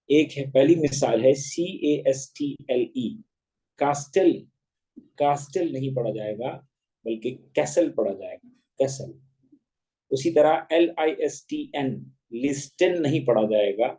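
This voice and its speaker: Slow, mellow-voiced male English teacher. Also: mid-range voice, rough recording. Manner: spells words letter by letter and contrasts pronunciations deliberately. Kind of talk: online grammar lesson. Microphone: online class call.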